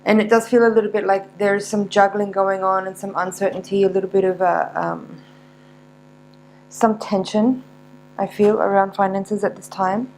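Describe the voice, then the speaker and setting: A woman giving a mystical horoscope tarot reading, unscripted, in a searching, halting manner with repeated words. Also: mid-range voice, steady tone, darkish tone, a little hiss or hum, poor audio. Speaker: tarot reader.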